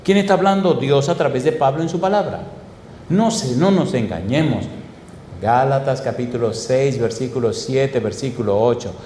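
A man preaching a sermon, firing rhetorical questions at the congregation and stretching key phrases slowly. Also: warm tone, slight background noise. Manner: emphatic, call-and-response questions to the congregation; sweeping pitch swings and slow stressed phrases. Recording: echoey hall with reverb.

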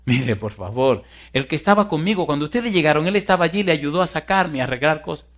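A man's voice: fairly high pitch, expressive, fast talker, a bit bright, pitched above the performer's own voice. A man voicing a terrified woman survivor who pleads desperately, acted within a sermon. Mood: insistent.

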